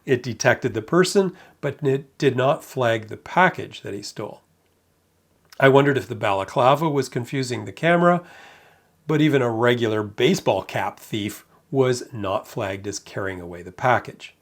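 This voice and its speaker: A man narrating a product review in a measured, matter-of-fact way with light amused asides. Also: mid-range voice.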